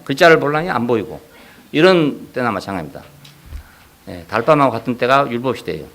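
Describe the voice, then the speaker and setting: 생동감 있게 설교하는 경상도 목사. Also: male voice, on the high side. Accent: Gyeongsang. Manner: animated, rhetorical questions, acts out quoted voices. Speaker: pastor. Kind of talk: sermon.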